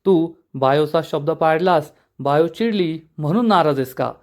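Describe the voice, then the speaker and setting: A man voicing a kindly elderly grandfather who gently advises a young man. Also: on the high side, moderate pace, natural voice. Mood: gentle.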